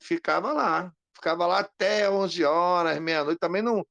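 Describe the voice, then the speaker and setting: A man co-hosting a podcast, telling an animated story in casual chat and acting out the lines of the people in it. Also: sits high, moderate pace, gravelly, dry recording. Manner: animated, acts out quoted lines. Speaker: podcast co-host.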